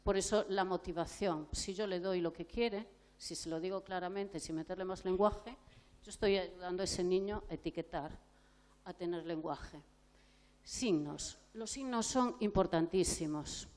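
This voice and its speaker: A woman's voice: lowish voice, normal speed, darkish tone. A woman clinical psychologist from gives a conference lecture, explaining points and asking the audience rhetorical questions. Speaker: clinical psychologist giving a talk.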